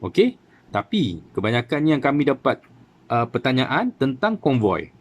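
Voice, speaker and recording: With big pitch swings in a mid-range voice at normal speed, a Malaysian Malay-accented man runs a casual how-to on his radio hobby channel. His talk is chatty, full of fillers and rhetorical "kan?" bids for agreement.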